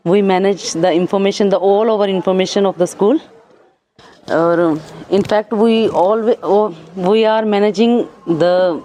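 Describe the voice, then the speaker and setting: A woman who works as a school information manager, speaking slowly and with measure at a spiritual gathering, mixing English into her Hindi. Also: mid-range voice, a little mellow, slight background noise.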